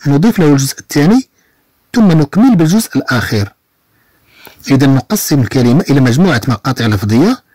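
A man's voice: medium pitch, a little mellow, no echo. A man teaching beginner French, breaking words into syllables and repeating them patiently. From Morocco. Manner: slow syllable-by-syllable modeling of words, patient repetition. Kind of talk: online beginner French lesson.

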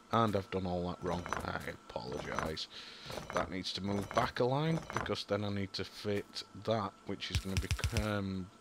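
With a Yorkshire accent and a lowish voice, a young man commentates on a building game for his YouTube gaming channel, wandering off on tangents, thinking out loud, and saying "um" and sorry a lot. The background is noisy.

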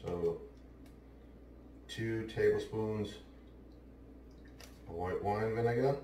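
A man's voice: on the low side, extremely slow, dark tone, distant mic, a little hiss or hum. A man, casually talking through a recipe while he works in a large home kitchen. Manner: chatty, offhand, talks while working. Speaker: home cooking show host. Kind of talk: casual cooking demonstration. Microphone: camera mic at a distance, then close to camera. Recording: roomy kitchen sound, heard from afar.

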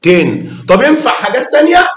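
A man's voice: very high voice, wildly swooping pitch, quick pace, fairly bright tone, reverberant. A man with an Egyptian Arabic accent teaching math to young children, coaxing and quizzing them with praise.

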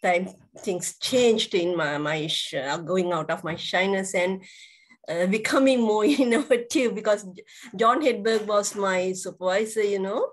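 A middle-aged Sri Lankan woman, appearing as a guest educator in a video-call interview, speaks in an unhurried, mid-range voice. She is indoors with a virtual background, and she sounds hesitant, using many fillers and restarts.

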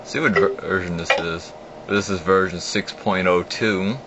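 A low-voiced young vlogger speaks a little slowly with fairly even intonation as he shows an old computer indoors at his desk. He rambles, restarts and explains things as he clicks in an informal screen walkthrough. His phone camera, held at the screen, records dull, lo-fi audio with a hum.

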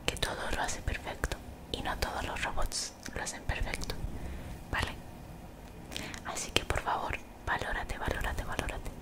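A young woman gives soothing, motivational ASMR in a breathy whisper very close to the mic, gently repeating phrases. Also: moderate pace. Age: young adult. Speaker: ASMR creator. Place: small bedroom, indoors. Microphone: desktop condenser mic, very close.

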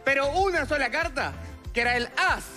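Extremely high-pitched, expressive and brisk, a Venezuelan man in his twenties works through theatrical magic patter as a talent show contestant. He talks straight to the judges through a headset mic on a large TV studio theatre stage, with music playing underneath.

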